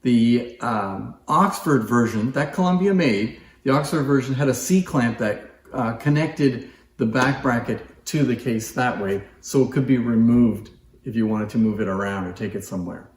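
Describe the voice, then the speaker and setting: This presenter shows off antique phonographs, a man with a mid-range voice speaking at a moderate pace. His demonstration and explanation are informal and conversational, with an appreciative manner, recorded in an echoey room.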